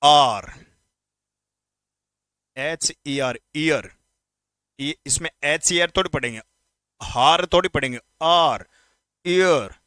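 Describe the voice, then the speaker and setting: A man teaching English grammar in an exam-prep lesson, speaking informally to students and repeating words slowly to drill pronunciation. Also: a little high, fairly bright tone, no room sound. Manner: addresses students informally, asks quick questions.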